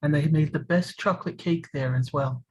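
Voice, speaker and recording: A man on a group call, talking in a warm, enthusiastic way. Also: a little high, moderate pace, husky, low-quality recording. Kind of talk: casual chat.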